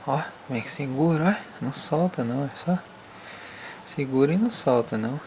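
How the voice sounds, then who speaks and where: A man talking baby talk to his infant daughter, cooing softly and sometimes whispering. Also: mid-range voice, fairly quick, a little hiss or hum, rough recording.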